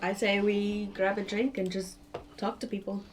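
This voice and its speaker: A woman's voice: mid-range voice, little pitch movement, normal speed, soft background music. A woman playing a tabletop game, chiming in with short, agreeable remarks. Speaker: player. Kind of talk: casual tabletop play.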